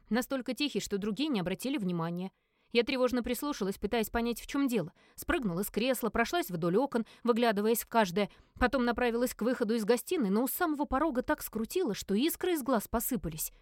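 A woman narrates a first-person audiobook as a lively, acted performance, briefly voicing each character. Her voice sits on the high side, and the recording is studio quality with no room sound.

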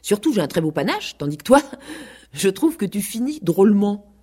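A woman's voice: sing-song, moderate pace, mellow, breathy edge. A woman voicing a vain, boastful rooster in a radio play, sneering and insolent. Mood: vexed, sneering. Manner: insolent and sneering, shrill when angry.

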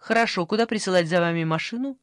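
A woman voicing a brisk, strict young female phone operator in an audiobook, pushy and salesy, recorded dry and close. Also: on the low side, no echo, lightly acted. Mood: firm. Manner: pushy, salesy, rattling off offers. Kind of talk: audiobook character voice.

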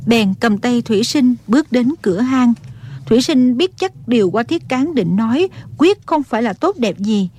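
A woman narrating an audiobook in an even storytelling manner. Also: on the high side, moderate pace.

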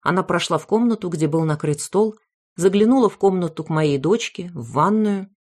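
A woman reading aloud a humorous family story in the first person, with wry, lively storytelling. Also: on the low side, normal speed. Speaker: audiobook reader.

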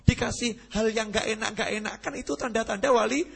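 A man voicing a small, devout boy, the young son of a saint, quoted softly and earnestly within a sermon. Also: very high voice, steady tone, a little fast, creaky, slightly rough, full character voice. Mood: earnest joy.

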